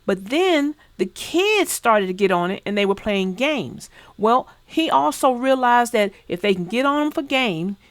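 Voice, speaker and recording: A woman reads a storybook to children and explains things to them, emphatic and instructive. Her slightly high voice is expressive and a little slow, with few pauses and no room sound.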